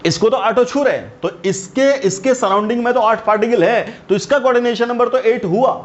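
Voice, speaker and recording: A man's voice: extremely high pitch, brisk. Questioning man teaching a class. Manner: keeps asking the students questions; calls students "beta". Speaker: chemistry teacher. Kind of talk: classroom lecture. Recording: dull lo-fi recording, faint hiss.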